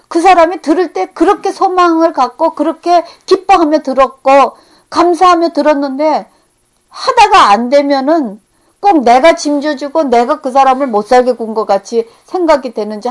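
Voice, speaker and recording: A middle-aged woman delivers a sermon in a high, light voice. She speaks earnestly, swelling into emphatic peaks before falling back to hushed, near-whispered lines. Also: normal speed. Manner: earnest, rising to emphatic peaks then dropping to hushed tones. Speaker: preacher.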